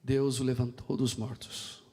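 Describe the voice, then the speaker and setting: Impassioned Brazilian pastor in an echoing church. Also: male voice, medium pitch, level tone, measured pace, dark tone. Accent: Brazilian Portuguese. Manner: impassioned preaching, acting out dialogue in stories. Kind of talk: sermon. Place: church sanctuary. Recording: long hall reverb in a church.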